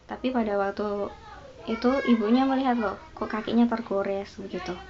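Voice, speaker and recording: A woman's voice: fairly high pitch, steady tone, normal speed. A woman preaching a sermon, telling a story and acting out the quoted speech of the people in it, and turning to her listeners directly. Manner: addresses listeners as "saudara", acts out the quoted speech. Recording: slightly dull, faintly noisy recording.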